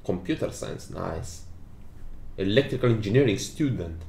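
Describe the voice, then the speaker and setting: This game developer in his 20s runs a laid-back stream, laughing a lot as he reads chat messages out loud; English isn't his first language. He speaks at a moderate pace in a fairly low, animated, creaky voice with a slightly mellow quality. There's roomy echo and a faint hiss or hum.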